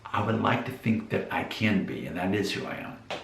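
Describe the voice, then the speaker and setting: A man's voice: on the low side, expressive, moderate pace, vocal fry, reverberant, a little hiss or hum. A man in his forties thinking aloud to viewers in a casual, musing vlog monologue. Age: 40s. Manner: musing, self-questioning. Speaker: vlogger.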